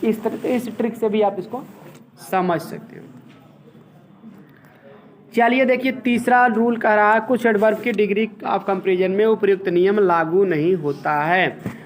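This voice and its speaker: A man's voice: sits high, steady tone, a little slow. A man teaching a grammar lesson, explaining step by step and checking in with his students. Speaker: English teacher.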